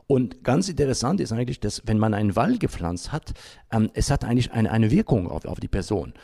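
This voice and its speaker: A man responds to interview questions without a script; he founded an environmental association, and his speech is halting, broken by frequent long pauses while he looks for words. He speaks fairly low and sing-song, with vocal fry and a dark tone.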